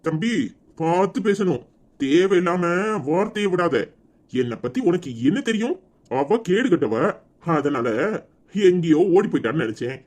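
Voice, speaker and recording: A man's voice: high voice, lively intonation, normal speed, a little mellow. A man voicing a stern middle-aged village man in a cartoon comedy, with a Tirunelveli Tamil accent and a curt, warning manner.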